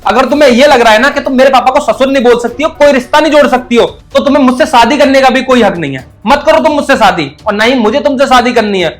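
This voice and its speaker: A man's voice: extremely high pitch, quick pace, few pauses. A young man playing a devoted son who speaks earnestly and firmly in defense of his father. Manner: earnest, firm, lecturing.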